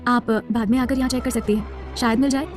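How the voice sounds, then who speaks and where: A woman's voice: fairly high pitch, steady tone, fairly quick, music in the background, close to an everyday voice. Woman doing a polite shop saleswoman. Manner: polite, apologetic.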